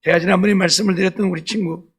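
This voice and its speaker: A man's voice: high-pitched, fairly even intonation, racing, a bit bright, breathy edge. A male pastor preaching a sermon, telling a story and acting out a quarrel, then building to emphatic preaching. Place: church sanctuary.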